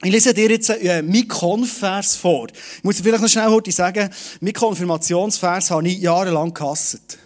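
A middle-aged man preaching a sermon in a lively, direct way, speaking to each listener personally. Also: fairly high pitch. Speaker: pastor.

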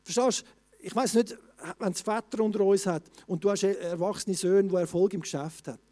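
Emphatic high-voiced preacher. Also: male voice, steady tone, brisk. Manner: emphatic, rising to loud exclamations; colloquial, with frequent restarts. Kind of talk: sermon.

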